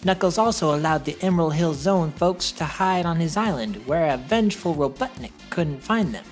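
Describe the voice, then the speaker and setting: A woman's voice: low-pitched, expressive, moderate pace, darkish tone, soft background music. A woman playing a cocky young male hedgehog hero, narrating a comic dub with casual, wry asides. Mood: matter-of-fact.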